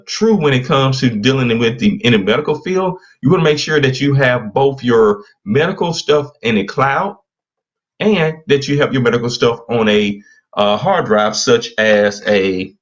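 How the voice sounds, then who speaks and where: A man's voice: medium pitch, animated, unhurried, dull audio. A man hosting a casual live stream, explaining computer security in an earnest, advisory way and often correcting himself mid-sentence.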